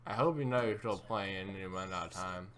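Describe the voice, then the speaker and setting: A young man with a low, bright-edged voice chats casually while gaming. He sounds groggy and numb-mouthed from painkillers after dental work, rambling loosely, with noise behind him. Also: fairly quick. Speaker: video game player.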